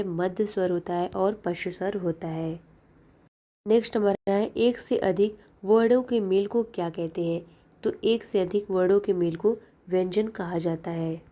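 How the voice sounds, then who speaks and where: A woman's voice: mid-range voice, warm tone. A young woman teaching a lesson, reading out each exam question and then answering it plainly.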